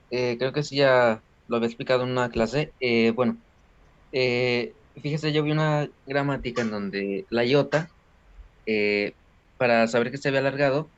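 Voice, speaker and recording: A man who is a student, asking hesitant questions in an online class with many pauses and fillers. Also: medium pitch, clean tone. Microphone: video call. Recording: dull lo-fi video call audio.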